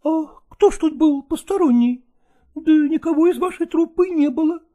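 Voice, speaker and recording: A male audiobook reader voicing an impulsive, eager young actress who talks in excited, pleading exclamations. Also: extremely high pitch, normal speed, voice pushed up. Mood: pleading, lively.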